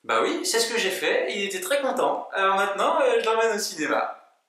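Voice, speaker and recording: A man's voice: high voice, big pitch swings, a little fast, bright, forceful tone, pitched above the performer's own voice, heavily acted. A man voicing a naive, cheerful man who is innocently pleased with himself. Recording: very echoey room, mic far off.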